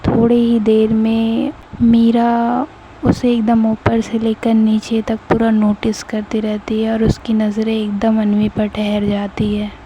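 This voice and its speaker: A woman calmly narrating an audio story. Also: on the high side, takes it slowly, muffled recording, a little hiss or hum.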